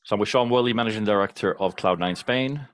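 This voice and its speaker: A man's voice: on the low side, fast talker, loud music behind the voice. A man hosting a conversational market update interview, putting questions to his guest. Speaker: interviewer, host.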